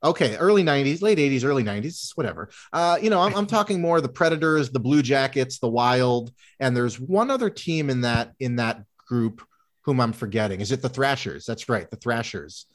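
A man's voice: mid-range voice, animated, fairly quick. A man in his thirties co-hosting a sports podcast, talking in a wry, rambling, self-deprecating way. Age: 30s. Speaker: podcast co-host. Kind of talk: casual sports chat.

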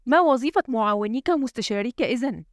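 A woman's voice: fairly high pitch, animated, fast talker, no room sound, studio quality, close to an everyday voice. A woman reading an audiobook, voicing a worried, deferential male chief usher of the palace. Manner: anxious, deferential.

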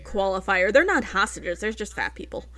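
A woman co-hosting a podcast, recapping a movie plot in casual chat with wry, deadpan asides. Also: mid-range voice, moderate pace. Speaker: podcast co-host.

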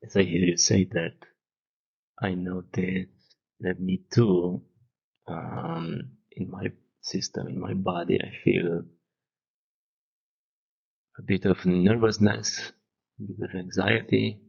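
A man hosting a casual interview podcast, speaking slowly and softly in a reflective way. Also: low-pitched, level tone, creaky, husky. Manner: slow, soft, reflective, gentle laughs. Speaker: podcast host. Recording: muffled lo-fi recording.

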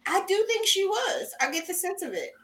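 A woman's voice: extremely high pitch, sing-song, normal speed, a bit bright, far from the mic. A woman co-hosting a casual podcast chat, swearing freely and laughing often as she tells a story. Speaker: podcast co-host. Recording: roomy echo.

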